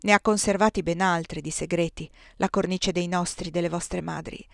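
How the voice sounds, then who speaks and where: A woman reading aloud, voicing a calm, wry older family friend who teases gently. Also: mid-range voice, a little fast, dry recording, clean studio sound, natural voice.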